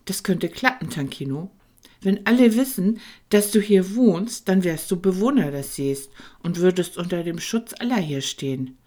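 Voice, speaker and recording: A woman voicing a thoughtful boy in a children's audiobook, calmly reasoning aloud. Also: fairly low pitch, normal speed, pitched above the performer's own voice. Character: thoughtful boy, friend of the dragon.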